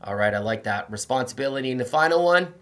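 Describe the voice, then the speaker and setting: Male school host, mid-pitched, upbeat and encouraging, announcement delivery to kids. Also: expressive, fast talker, fairly bright tone. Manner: encouraging, cheerful, with frequent ums and rising cheers.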